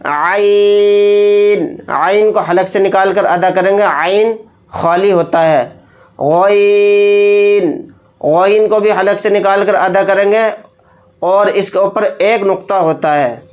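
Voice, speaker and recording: This is a teacher leading a beginner alphabet lesson in a patient, repetitive way. Each letter name is stretched out slowly and pronounced with care. After each one, the teacher explains it calmly in a mid-pitched voice. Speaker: Quran reading teacher.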